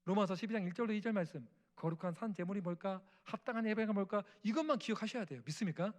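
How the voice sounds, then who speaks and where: Missionary guy preaching in church, high voice, acts out family prayers. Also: fast. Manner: acts out family prayers and dialogue with rising emotion. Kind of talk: emotional testimony sermon. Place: church sanctuary.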